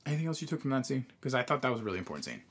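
A podcast co-host chats easily at length about a TV episode, his pitch rising and falling naturally as he makes his points. Very animated and rapid-fire, with a slightly bright, husky voice, he swears casually and keeps returning to his idea.

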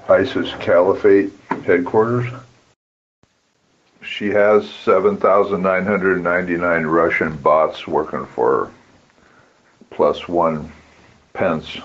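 Over a push-to-talk app, this chat-channel participant rails against politics in a blunt, emphatic, profanity-laced rant. His voice is deep and slightly rough, coming through as muffled walkie-talkie audio with noise behind it.

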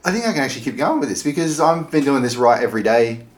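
A man's voice: medium pitch, big pitch swings, fast. An Australian man co-hosting a podcast, speaking casually and hesitantly with many fillers. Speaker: podcast co-host, teacher and blogger. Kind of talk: casual chat.

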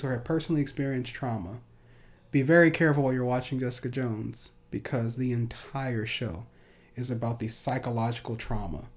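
A man's voice: mid-range voice, darkish tone. Opinionated man chatting on a podcast. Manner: opinionated, enthusiastic. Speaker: podcast host. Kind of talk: casual chat.

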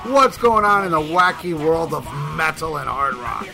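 A man's voice: fairly high pitch, sing-song, normal speed, vocal fry. A man hosting a podcast in casual, irreverent chat, given to teasing and mock ranting. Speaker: podcast host.

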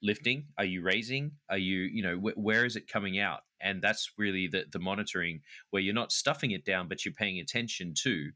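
A man's voice: sits low, fairly quick, hardly any pauses, bright, forceful tone, no echo. A man co-hosting a faith talk, reflective and practical as he talks through how to handle anger. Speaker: podcast co-host. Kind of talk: faith-based conversational talk.

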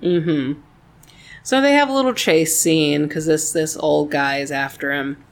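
Low-voiced chatty woman podcaster. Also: unhurried. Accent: Southern US. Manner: chatty, laughs often, swears casually. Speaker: podcast co-host. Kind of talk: casual chat.

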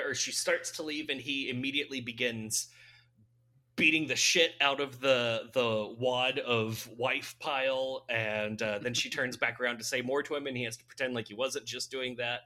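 Male podcast co-host, bright mid-pitched voice, chatty rambling movie recap with frequent laughs. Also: steady tone, moderate pace. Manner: rambling, amused, laughs often. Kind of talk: casual chat.

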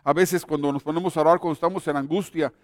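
High-voiced preacher. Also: male voice, fairly even intonation, fast, no echo, clean studio sound, big-room sound. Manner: earnest, exhorting. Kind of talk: sermon with personal testimony.

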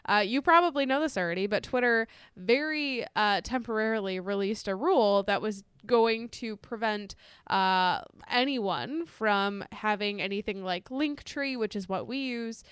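A woman's voice: medium pitch, fairly bright tone, smooth, no echo, clean studio sound. A woman co-hosting a casual podcast, chatty, laughing often and swearing freely. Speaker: podcast co-host.

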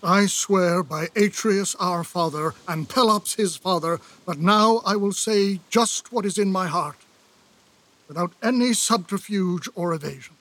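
An actor playing a remorseful royal brother in an earnest, pleading stage delivery for an audio drama. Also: male voice, high-pitched, measured pace, fairly bright tone.

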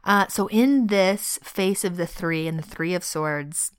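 Slow, soft-spoken woman podcast host. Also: lowish voice, clear, resonant tone. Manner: slow, soft and heartfelt, drops to whispers, laughs often. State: sick and choked up. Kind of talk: reflective solo podcast talk.

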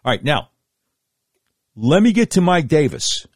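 A man with an American accent and a husky voice, hosting talk radio in a folksy, deliberate, emphatic way with dramatic pauses. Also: a little high, big pitch swings, dry recording, studio quality. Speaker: radio talk show host. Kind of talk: talk radio monologue with live-read sponsor spots.

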